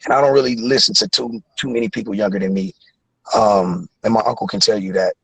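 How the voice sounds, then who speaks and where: A man's voice: on the low side, fairly even intonation, quick pace, gravelly, a bit bright, slightly rough, dry recording, rough recording. A man in his thirties calling in to a talk show, speaking earnestly and rambling with many fillers. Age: 30s. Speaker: caller. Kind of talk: casual call-in chat.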